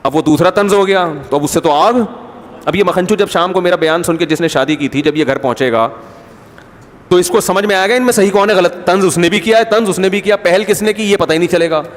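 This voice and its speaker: A man's voice: high-pitched, in a large hall. A man, an Islamic scholar, giving a conversational religious lecture in a wry manner, often slipping into the voices of quarrelling relatives to make his point.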